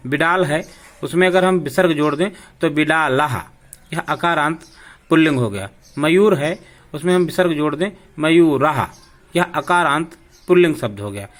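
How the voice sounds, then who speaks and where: A man teaching a slow, deliberate grammar lesson for young schoolchildren, spelling out sounds. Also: on the high side. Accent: Hindi.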